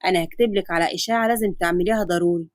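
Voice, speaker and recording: A woman voicing a young male Egyptian doctor, curt and deadpan with sly teasing. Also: sits high, rapid-fire, no room sound, voice pushed down, lightly acted. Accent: Egyptian Arabic.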